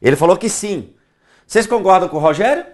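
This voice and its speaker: A middle-aged Brazilian Portuguese man lectures on grammar, his pitch swinging widely from low to high. He plays to the class, calling on them directly and chanting key phrases back and forth. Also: expressive, fairly quick. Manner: theatrical, talks to the class directly and repeats phrases in a singsong. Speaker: grammar teacher. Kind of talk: animated classroom lecture to camera.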